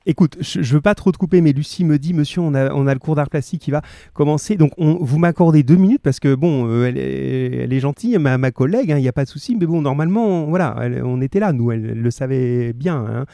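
A male teacher reading a story aloud to his class and explaining it, lively and full of questions. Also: medium pitch, fast talker, gravelly, few pauses, dry recording, studio quality. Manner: lively, asks questions and stresses key words.

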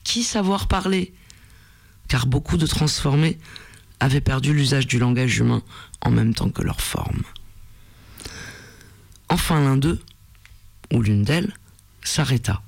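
A man hosting a radio program, reading a story aloud in a measured, deliberate way. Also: medium pitch, creaky, a little mellow, breathy edge, no room sound.

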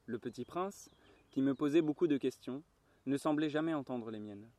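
Male audiobook reader, mellow and unhurried, in a garden. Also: medium pitch, no echo. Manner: calm, measured reading. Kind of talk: audiobook narration. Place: garden, outdoors.

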